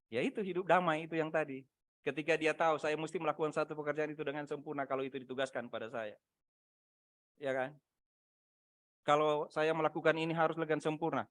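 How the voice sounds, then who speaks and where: Emphatic, rhetorical Indonesian pastor preaching. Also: male voice, on the high side, dry recording. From Manado, Indonesia. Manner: swings between loud emphatic preaching and quiet asides; asks the congregation rhetorical questions. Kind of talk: sermon. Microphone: video call.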